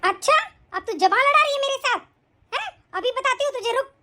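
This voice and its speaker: A spiteful, bossy mother-in-law, voiced by a woman in an animated family drama. Her voice sits very high and sounds bright and forceful. She taunts and scolds. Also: fairly quick, full character voice. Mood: angry.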